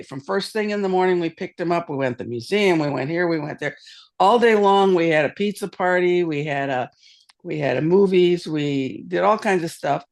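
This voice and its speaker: A woman in her seventies telling a story in lively, chatty style, speaking over a video call. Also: on the low side. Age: 70s. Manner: animated, chatty. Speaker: guest on the show. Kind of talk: casual storytelling. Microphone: video call, camera off.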